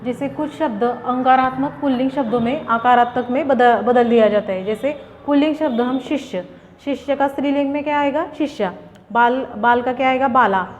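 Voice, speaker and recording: A woman's voice: high-pitched, moderate pace, slight background noise. Woman teacher listing grammar examples. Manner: listing example words, asking and answering her own questions. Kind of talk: grammar lesson. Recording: dull reverberant room recording.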